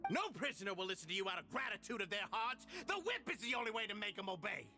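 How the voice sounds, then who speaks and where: A man's voice: high-pitched, lively intonation, fast. An actor playing an arrogant, cruel male prison official who talks in a sneering, harsh, intense way, from a game with music behind.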